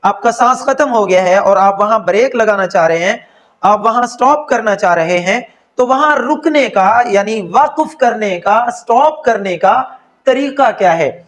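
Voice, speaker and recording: High-voiced man teaching Quran recitation. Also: lively intonation, fairly bright tone. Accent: Pakistani Urdu. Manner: patient explaining with slow recited examples. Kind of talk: online lesson.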